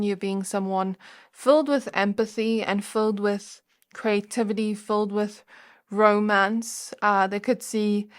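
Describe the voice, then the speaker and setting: A woman giving a pick-a-card tarot reading as a channel host, talking to the viewer in a gentle, reassuring way and often pausing to search for words. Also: medium pitch. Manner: musing, searching for words with frequent fillers. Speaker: tarot reader.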